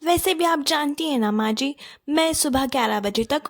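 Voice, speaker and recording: A woman voicing a lazy, sharp-tongued young wife in a cartoon, cheeky and complaining, always talking back. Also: sits high, normal speed, natural voice. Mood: sassy. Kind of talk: cartoon voice acting.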